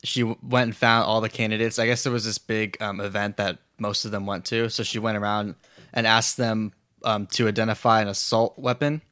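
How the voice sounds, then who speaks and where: A young man with a low, smooth voice talks in an easy, laid-back way, often laughing and letting his sentences trail off. The sound is close and dry, with no room around it. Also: level tone, a little fast, sharp tone, dry recording. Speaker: podcast co-host. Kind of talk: casual chat.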